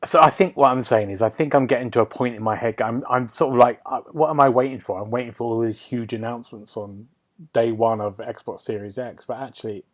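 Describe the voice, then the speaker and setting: On his casual gaming podcast, the host thinks out loud and wanders from point to point, frequently looking for agreement. He speaks at a medium pitch and a fairly quick pace.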